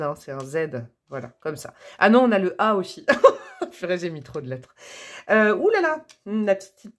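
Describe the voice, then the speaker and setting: A woman reads tarot cards in a loose, chatty way, joking and coaxing her viewers along. Her voice sits at an ordinary middle pitch for a woman. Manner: chatty and playful, joking and laughing at herself; talks straight to viewers, coaxing and encouraging. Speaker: tarot card reader. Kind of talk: casual tarot reading to camera.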